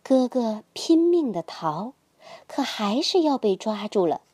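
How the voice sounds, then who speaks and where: A woman narrating a children's bedtime story in a gentle, sing-song manner. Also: on the high side, very animated, measured pace, slightly rough, dry recording, clean studio sound.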